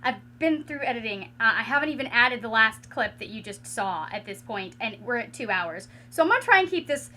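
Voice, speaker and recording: Woman book vlogger, hoarse and raspy, bright tense tone, higher-pitched, casual home chat full of fillers. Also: lively intonation, fairly quick, few pauses, a little hiss or hum. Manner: rambling, many filler likes and restarts. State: hoarse after losing her voice. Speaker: book reviewer. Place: at home with a ring light.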